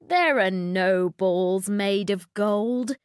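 A woman voicing a grown-up queen from a storybook, firm and matter-of-fact, read slowly in a dry room. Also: mid-range voice, clean tone, dry recording. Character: stern grown-up queen, firm about promises.

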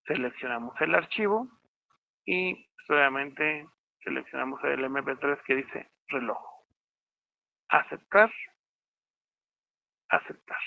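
This programming instructor, who has a Mexican Spanish accent, speaks with vocal fry at a fairly high pitch. His step-by-step screencast lesson includes frequent check-ins with students, captured in dry, tinny, phone-like audio.

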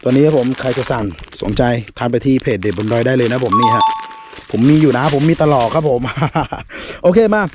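A young man casually vlogging a firecracker experiment outdoors, with lots of excited exclamations and talk straight to his viewers. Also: medium pitch, a little fast, loud music behind the voice. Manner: excited exclamations, addresses viewers as brothers and sisters.

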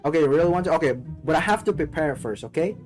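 A man's voice: a little high, expressive, racing, darkish tone, faint music behind. A young man talking casually on a video chat, laid-back and repeating himself often. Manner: laid-back, repeats "you know what I'm saying". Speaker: online video prankster.

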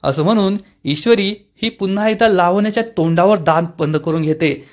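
Man, high voice, scripted story narration, steady retelling, plain delivery of dialogue. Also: moderate pace. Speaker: serial review narrator.

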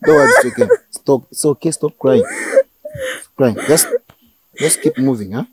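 A woman's voice: low-pitched, huge pitch swings, moderate pace, husky, dry recording, full character voice. A woman acting in an amateur film as a friend who soothes and lectures a crying young woman, repeating herself over and over. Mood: soothing. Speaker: friend comforting a heartbroken woman.

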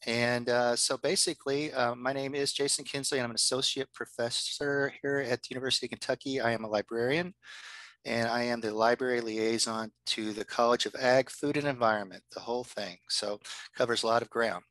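A man's voice: medium pitch, steady tone, brisk, fairly bright tone, no room sound, rough recording. A man, a university librarian, giving a chatty workshop presentation over a video call from his home office, with frequent ums and uhs.

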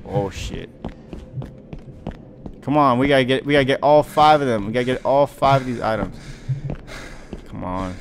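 A man's voice: mid-range voice, moderate pace, creaky, long pauses, very noisy. A young man as a scared horror game streamer, giving casual, jumpy commentary with panicky repeated exclamations and swearing. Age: young adult. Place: home bedroom, indoors. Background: game music.

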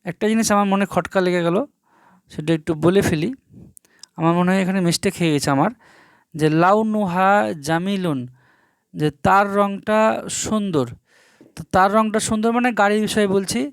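Language teacher going through examples slowly, asks a question then answers it, smooth crisp voice. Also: mid-range voice, no room sound, clean studio sound. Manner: reads example phrases slowly and carefully, then explains them; asks the class questions and answers them itself. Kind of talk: recorded online grammar lesson.

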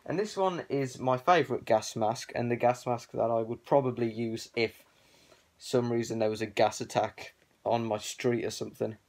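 A man's voice: mid-range voice, fairly even intonation, normal speed. A man speaking through a cloth balaclava, showing his gas mask collection in a rambling, offhand chat full of fillers. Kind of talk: casual show-and-tell vlog.

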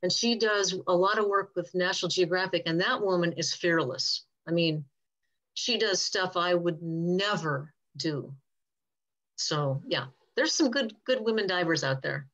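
An older woman scientist answering questions in a relaxed, rambling way over a video call. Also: on the low side, a little slow, lo-fi sound. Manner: chatty, rambling, self-correcting. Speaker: guest speaker, cave diving scientist.

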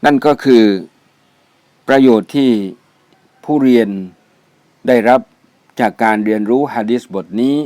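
A man teaches a vocabulary lesson at a very slow, measured pace, saying each Arabic term twice before he explains it. His voice is close and dry, with no room sound around it. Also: mid-range voice, darkish tone, no room sound. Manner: repeats each Arabic word twice, then gives its meaning. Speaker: Islamic studies teacher. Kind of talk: slow vocabulary lesson, reading words and meanings. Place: mosque.

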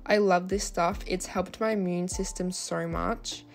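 A woman's voice: on the low side, steady tone, measured pace, gravelly. A young woman with a lisp and slushy s sounds, narrating her daily routine in a chatty, informal vlog voice-over. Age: young adult. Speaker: vlogger. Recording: background music. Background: music.

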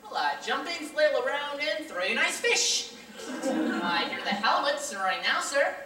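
A woman acting a brash male con man who stages fake drownings, pitching with pushy salesman patter on a school stage. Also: big pitch swings, moderate pace, a crowd in the background. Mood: boastful. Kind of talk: high school stage play. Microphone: far camera. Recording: echoey hall from far off.

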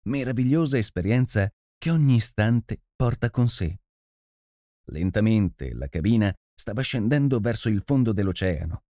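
A man narrating a literary adventure audiobook in a measured, steady storytelling manner. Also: lowish voice, no room sound, studio quality.

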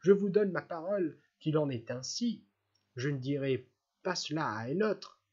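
A man's voice: on the high side, animated, moderate pace, a little mellow, husky, lo-fi sound. A man reading the part of a fawning, scheming middle-aged clerk who pleads in a wheedling, self-abasing way. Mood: pleading.

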